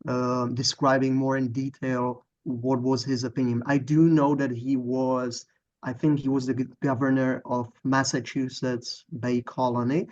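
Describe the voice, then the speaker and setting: Czech student, flat delivery, halting, dull call audio. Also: male voice, mid-range voice, a little hiss or hum. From Czech Republic. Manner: halting, searching for words, apologetic. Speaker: student asking a question. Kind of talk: audience question on a video call. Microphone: video call.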